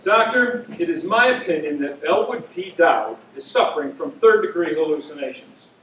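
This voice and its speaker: A man playing an earnest doctor on stage, making formal, measured pronouncements. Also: a little high, expressive, a bit bright, slight background noise. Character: earnest male doctor, formal and self-assured. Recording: distant stage, echoey theater.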